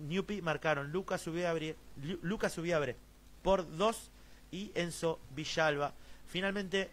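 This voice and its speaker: A man with a high, fairly bright voice and an Argentine Spanish accent hosts a local futsal news stream. He reads out results and long lists of scorers, with many fillers and restarts along the way.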